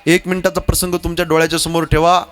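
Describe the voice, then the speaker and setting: A man's voice: fairly high pitch, level tone, fast talker. A man preaching a devotional kirtan sermon, declaiming and rousing the crowd.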